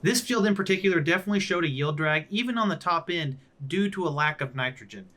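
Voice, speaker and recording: A farmer hosting his own vlog, explaining things in a clear, methodical way with dry little asides. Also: a little high, lively intonation, quick pace, sharp tone.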